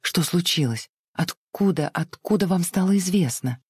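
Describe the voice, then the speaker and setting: A reader voicing a gentle, frightened young wife in an audiobook, earnest and trembling. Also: medium pitch, animated, moderate pace, breathy edge, no room sound, voice pushed up. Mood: pleading. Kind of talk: audiobook reading.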